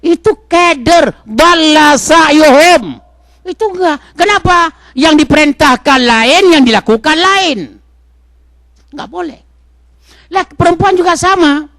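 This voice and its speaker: A man preaches in a mosque with a very high voice. His delivery is animated, jumping between raised exhortation and quiet asides, and he keeps asking the listeners questions. The sound is dry and close, with little room echo. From Indonesia. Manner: animated, swings from loud exhortation to soft asides; talks straight to the congregation with questions. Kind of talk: sermon.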